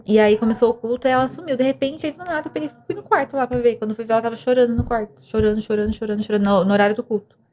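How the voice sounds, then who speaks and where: A woman's voice: on the high side, rapid-fire, warm tone. A young woman, earnestly telling a personal story of faith and depression as a podcast guest, with many restarts. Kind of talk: emotional personal testimony.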